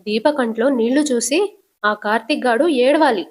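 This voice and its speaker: A woman voicing a sharp-tongued, scheming elderly grandmother in a retold TV serial, shrill and indignant. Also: moderate pace, close to an everyday voice.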